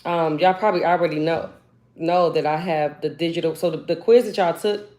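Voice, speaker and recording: A woman's voice: deep voice, a little fast. A woman from Cleveland hosting a live video call, chatting casually and loosely with her viewers. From Cleveland, Ohio. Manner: relaxed, chatty, loose Southern-style slang. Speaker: host of a live hair care consultation. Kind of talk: casual live stream chat.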